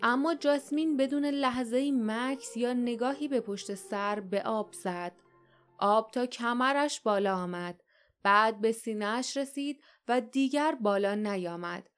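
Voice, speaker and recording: Woman, audiobook narrator, steady storytelling, a bit high voice, soft music behind. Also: clear, resonant tone. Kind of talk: scripted narration.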